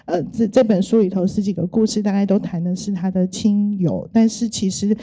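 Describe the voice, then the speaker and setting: Brief: middle-aged woman, Taiwanese Mandarin accent, very mellow dark tone, unhurried reflective storyteller. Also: medium pitch, steady tone. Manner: gentle, thoughtful, many soft fillers. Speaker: speaker sharing work stories.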